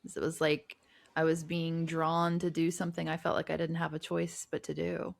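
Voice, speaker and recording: A woman's voice: low voice, completely flat delivery, moderate pace, gravelly. A woman co-hosting a podcast, chatting casually and making wry jokes. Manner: wry, joking. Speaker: podcast co-host. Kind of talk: casual chat.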